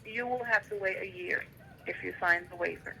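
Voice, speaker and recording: Woman caseworker, procedural phone manner, sharp gravelly tone, faint phone-line noise. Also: mid-range voice, normal speed. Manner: procedural, uses filler ums. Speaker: state benefits caseworker. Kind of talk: phone call explaining procedure.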